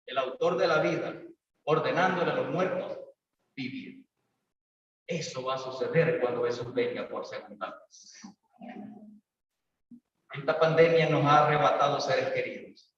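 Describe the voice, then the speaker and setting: A pastor preaching an evangelistic sermon, swinging between loud calls and quiet asides. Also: male voice, fairly high pitch, a little slow, pauses often. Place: church hall. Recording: echoey church hall, distant mic, dull sound.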